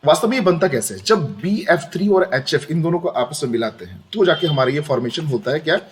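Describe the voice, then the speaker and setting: Young male chemistry tutor, chatty and repetitive, fairly high voice. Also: lively intonation, a little fast, a little hiss or hum. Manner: chatty, repeats questions to students, frequent "dekhiye". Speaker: chemistry teacher. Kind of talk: screen-recorded lesson.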